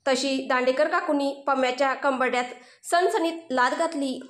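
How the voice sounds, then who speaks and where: Woman storyteller, high voice, expressive, echoey room. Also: moderate pace. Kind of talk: scripted story narration. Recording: roomy echo.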